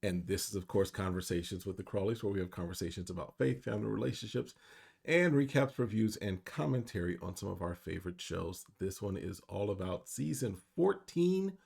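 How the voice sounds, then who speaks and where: A middle-aged man co-hosting a casual recap show, laid-back and joking, with lots of drawn-out fillers. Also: low voice, lively intonation, vocal fry, darkish tone, husky. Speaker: podcast co-host. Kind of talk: casual chat.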